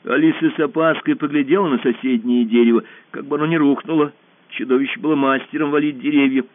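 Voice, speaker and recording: A man reading a children's storybook aloud in a lively, expressive way, heard over a narrow phone-like band. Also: medium pitch, quick pace, no echo. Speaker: narrator.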